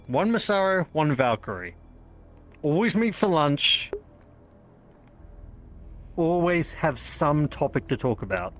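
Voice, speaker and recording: A man's voice: a little high, big pitch swings, slow, long pauses, faint music behind. A man giving players a matter-of-fact setup for their next role-play scene. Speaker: scene organizer.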